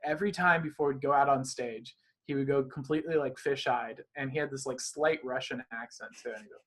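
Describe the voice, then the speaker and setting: A man's voice: mid-range voice, a little fast, fairly bright tone. A man being interviewed as a magician, talking animatedly in long, rambling runs of casual conversation. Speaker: magician guest.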